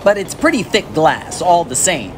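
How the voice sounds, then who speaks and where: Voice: medium pitch, very animated, moderate pace, a little hiss or hum, lightly acted. A storybook reader voicing an eccentric, cheerful man who urges others on with exuberant exclamations. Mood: cheerfully confident. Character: eccentric, cheerful, gleefully hurried man, a chocolate factory owner.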